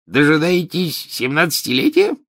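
A man voicing a jovial, good-natured older male potions teacher in an audiobook, gravelly and sing-song. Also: a little high, huge pitch swings, normal speed, fairly bright tone, voice pushed up, exaggerated voice. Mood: genial. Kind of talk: audiobook character voice.

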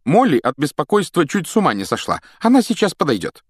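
An eager, cheerful balding wizard dad, played by a man, pitched well above the narrator's own voice. He talks in lively, excitable bursts, all caught close and dry. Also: quick pace, no room sound. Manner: excitable, enthusiastic outbursts. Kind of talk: audiobook character voice.

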